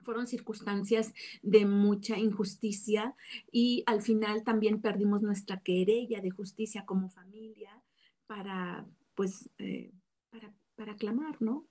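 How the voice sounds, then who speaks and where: Flat-voiced woman giving testimony. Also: medium pitch, a little slow. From Mexico. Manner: reflective, earnest, with small restarts. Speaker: testimony speaker. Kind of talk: personal religious testimony.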